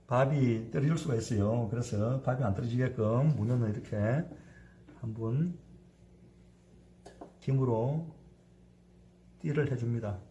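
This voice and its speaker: A man's voice: medium pitch, warm tone, lo-fi sound. Chatty man teaching sushi making. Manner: chatty, keeps asking for agreement. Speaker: cooking instructor. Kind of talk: hands-on cooking demonstration.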